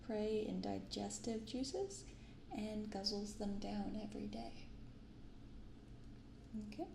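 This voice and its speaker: Soft-spoken ASMR with casual commentary comes from a woman who hosts a card-opening channel, her medium-pitched voice gentle and unhurried. She's captured on a binaural microphone in a roomy, echoing space with clearly audible background noise.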